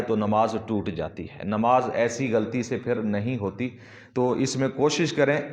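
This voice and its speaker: A man with a Pakistani Urdu accent delivers a religious lecture as a mufti, his voice sitting a little high for a man. He explains patiently, step by step, and repeats key phrases slowly so they sink in. The sound rings in a roomy, echoing space. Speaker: mufti giving religious instruction.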